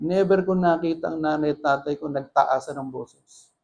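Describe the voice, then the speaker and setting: A man's voice: a little high, normal speed, vocal fry, a little mellow, highs cut off. A man preaching as pastor, mixing Tagalog and English and putting rhetorical questions to the congregation. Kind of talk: sermon.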